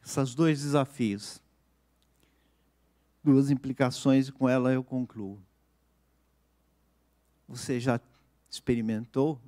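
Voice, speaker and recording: Earnest Brazilian pastor preaching. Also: male voice, medium pitch, fairly even intonation. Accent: Brazilian Portuguese. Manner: earnest preaching, slows and softens for emphasis. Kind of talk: sermon.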